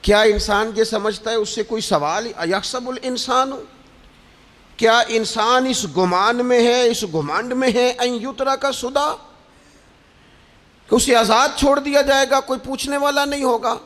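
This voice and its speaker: A man delivers a sermon in a high-pitched voice. His delivery rises and falls with emphatic preaching cadence. The recording carries a long hall reverb. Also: steady tone, moderate pace, few pauses, fairly bright tone.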